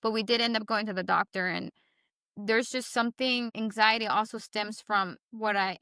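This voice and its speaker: A woman co-hosting a podcast in casual chat, blunt and animated, swearing freely. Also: mid-range voice, normal speed, smooth, no room sound, studio quality. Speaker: podcast co-host.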